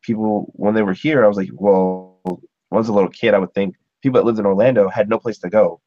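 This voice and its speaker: A man's voice: lowish voice, fairly even intonation, fast talker, warm tone, dry recording. A man from Ohio chatting casually as a podcast host, rambling with lots of fillers. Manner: rambling, filler-heavy, chuckling. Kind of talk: casual chat. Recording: dull muffled sound.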